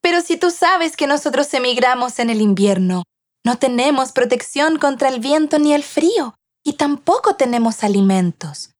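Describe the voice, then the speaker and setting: Lady doing gentle little birds in a storybook, a touch higher, plain and explaining. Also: lively intonation, normal speed. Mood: sad. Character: group of departing swallows and birds, gentle.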